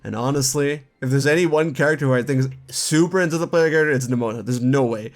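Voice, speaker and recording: A man chatting casually in his own commentary video, quick asides and laughing at his own jokes. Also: medium pitch. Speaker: YouTube gaming commentator.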